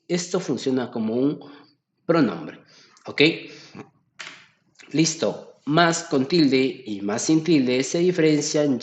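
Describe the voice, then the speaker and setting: A man's voice: mid-range voice, echoey room. A man tutoring through exam solutions, explaining step by step and often checking in with the listener. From Peru.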